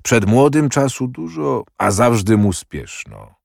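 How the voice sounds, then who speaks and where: A man reading the part of an old, calm and evasive voivode who speaks slowly and dismissively. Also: mid-range voice, creaky, dry recording, clean studio sound, pitched above the performer's own voice, exaggerated voice. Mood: coolly evasive. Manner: slow, cool and dismissive.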